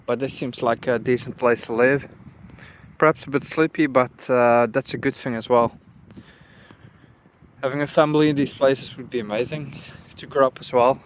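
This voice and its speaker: Young man, travel vlogger, relaxed musing, flat delivery, outdoors, faint traffic behind. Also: medium pitch, moderate pace. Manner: relaxed, musing, thinking aloud. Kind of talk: casual walking vlog narration. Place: outdoors on small-town streets.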